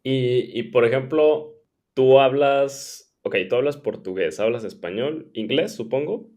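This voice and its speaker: A man's voice: mid-range voice, unhurried, warm tone. A man hosting a podcast, asking curious follow-up questions in a casual chat. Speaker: podcast host.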